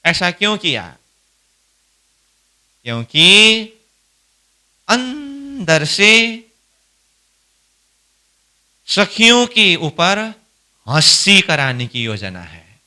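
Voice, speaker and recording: A man's voice: high voice, very animated, extremely slow, long pauses, bright, forceful tone. A man teaching a devotional scripture class, explaining verses by posing questions and answering them himself. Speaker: spiritual instructor.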